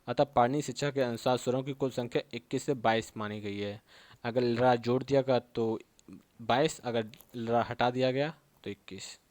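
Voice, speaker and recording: A man with a Hindi accent from Uttar Pradesh explains Sanskrit grammar in an exam-prep lesson. He has a mid-pitched voice and goes over each term again and again, often pausing to check that his listeners follow. The recording is close and dry, with no room sound. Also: a little mellow, no room sound. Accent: Hindi speaker from Uttar Pradesh. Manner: repeats key terms and checks in with "theek hai". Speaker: Sanskrit teacher.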